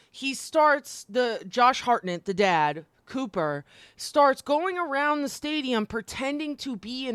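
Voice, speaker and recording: Her voice sits a little high on a dry recording. A live streamer, she chats in an informal, opinionated way, leaning hard on slang and cursing frequently.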